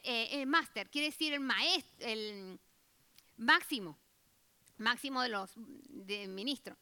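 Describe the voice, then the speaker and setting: A woman teaching scripture in an animated, emphatic sermon. Her voice sits high and rings bright. She jumps into the voices of the people she quotes. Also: clean tone. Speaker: Bible teacher.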